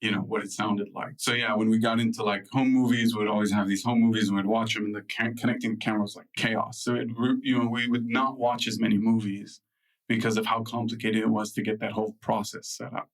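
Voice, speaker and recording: An American man with a low, fairly monotone voice recalls his youth for an interviewer in relaxed storytelling. He talks briskly but loosely, relying heavily on fillers and circling back with frequent restarts, and he sounds a bit distant from the microphone.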